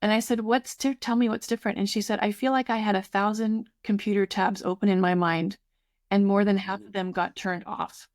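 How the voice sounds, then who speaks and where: A woman's voice: mid-range voice, steady tone, a little fast, no room sound, studio quality. A woman in her fifties who runs a tutoring program, talking effusively in a casual podcast conversation. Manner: warm, effusive, restarts sentences.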